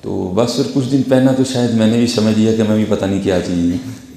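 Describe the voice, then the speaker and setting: Gravelly-voiced preacher in a booming hall. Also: male voice, fairly even intonation, dark tone. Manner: anecdotal, addresses listeners as "Hazrat". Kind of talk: storytelling sermon. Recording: echoey hall reverb.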